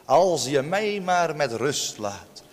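A man preaching a sermon to his congregation, emphatic, with sharp swings in pitch and loudness. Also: big pitch swings, slow. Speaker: pastor. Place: church. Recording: long church reverb.

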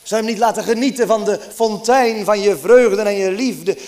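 A man's voice: high-pitched, moderate pace, darkish tone. A man preaching a fervent sermon, pleading with his listeners and asking them question after question.

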